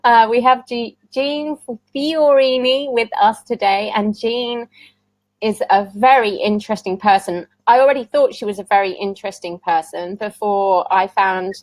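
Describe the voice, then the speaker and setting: A woman's voice: mid-range voice, fairly even intonation, moderate pace, darkish tone, no echo, poor audio. A woman hosting an online interview over a video call, bubbly and chatty, laughing at her own slips. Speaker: host.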